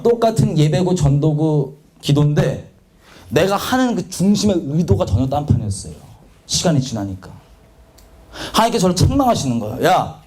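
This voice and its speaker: A young man preaching a sermon, telling his own story in a confessional, animated way and acting out quotes. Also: a little high.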